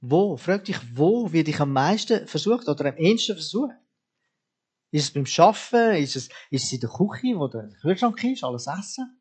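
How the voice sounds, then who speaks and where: A man's voice: a little high, sing-song, normal speed, husky. A man preaching a sermon, talking straight to his listeners and firing off repeated questions at them.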